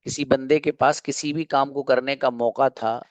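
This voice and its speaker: A man teaching English grammar in an online class, patiently explaining and repeating example sentences slowly. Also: medium pitch, steady tone, no room sound. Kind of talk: online grammar lesson in Hindi.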